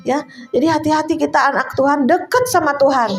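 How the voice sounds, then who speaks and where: A woman's voice: sits high, brisk. An older woman giving a sermon, telling stories in a conversational, emotional way and laughing now and then. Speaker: preacher. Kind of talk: sermon testimony. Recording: faint music behind. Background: soft instrumental music.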